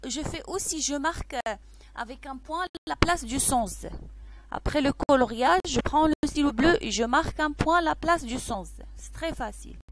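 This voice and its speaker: A woman teaching young children a lesson, who repeats each word slowly and keeps asking whether they follow. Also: sits high, slight background noise. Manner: slow, repeats words, asks "d'accord?" often.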